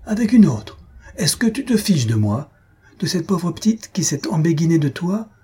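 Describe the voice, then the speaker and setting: A man voicing an excitable, bossy old spinster aunt who scolds in shrill outbursts, in a storybook reading. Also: brisk, slightly rough. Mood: indignant.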